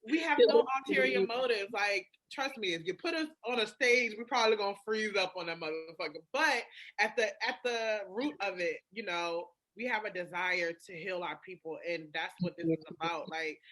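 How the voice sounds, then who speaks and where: This podcast co-host speaks at normal speed in a medium, slightly bright voice over a phone call, and the recording is rough. She's emphatic and candid, curses freely, and keeps repeating phrases to drive points home.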